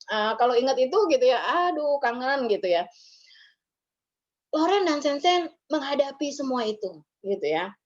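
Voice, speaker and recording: Very high-voiced woman preaching. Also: animated, moderate pace, dull audio. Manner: conversational, tags phrases with ya and gitu. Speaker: pastor. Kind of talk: sermon at a memorial service.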